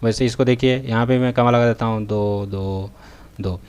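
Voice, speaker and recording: A man's voice: mid-range voice, steady tone, normal speed, a little mellow, clear, resonant tone. A man teaching a math lesson in a touch, writing on a tablet as he talks and often checking that the students follow. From North India. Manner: repeats "theek hai" and "hai na", checks in with students. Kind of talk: tutorial lesson. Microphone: voice-over recorded while writing on a tablet.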